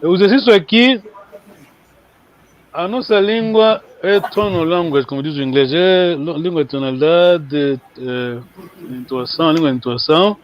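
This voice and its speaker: A man's voice: a little high, moderate pace, lo-fi sound. A man teaching a language in a live online lesson, chatty and coaxing, repeating words for students to practise.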